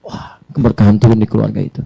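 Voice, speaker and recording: A man preaching an emotional sermon, swinging between loud, emphatic lines and hushed, pleading prayer. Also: medium pitch, quick pace, gravelly, highs cut off.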